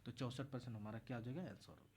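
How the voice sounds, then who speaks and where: A man's voice: medium pitch, rapid-fire, a little mellow, slight background noise. A man tutoring math in a casual exam-prep lesson, walking through each step and repeating himself as he explains.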